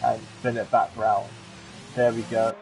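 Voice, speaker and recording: Excitable commentator calling a sim race over loud car engine noise. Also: male voice, lowish voice, unhurried, rough recording. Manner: excitable, chatty with jokey asides. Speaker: sim racing league commentator. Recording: game engine noise under the voice. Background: racing car engine sounds from the game.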